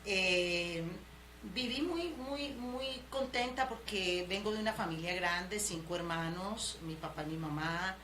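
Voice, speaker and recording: Interview guest: woman, 50s, Cali Colombian accent, low voice, halting delivery, noisy room. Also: pushed and bright. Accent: Colombian Spanish from Cali. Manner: hesitant, many fillers and restarts. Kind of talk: relaxed personal storytelling. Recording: noisy background ambience.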